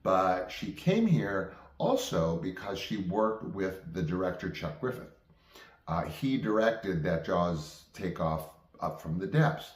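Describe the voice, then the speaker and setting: A man in his fifties with a very low-pitched voice shares memories in a casual monologue. He talks haltingly and often wanders into asides. The sound is clearly roomy, with echo around the voice. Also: very animated. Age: 50s. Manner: halting, digressive. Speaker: vlog host telling personal stories.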